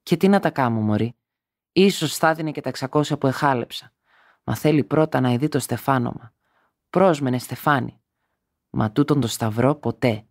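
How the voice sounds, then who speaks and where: A man's voice: mid-range voice, no room sound, studio quality, close to an everyday voice. A man voicing a harsh, proud young man. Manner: curt and harsh. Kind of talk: audiobook character reading.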